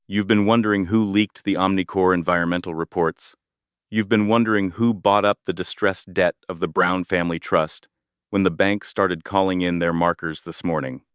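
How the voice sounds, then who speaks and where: A man reading a calm, commanding businesswoman. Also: deep voice, clean tone, dry recording, clean studio sound, close to an everyday voice. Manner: calm, measured, authoritative. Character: cold, commanding woman executive taking revenge.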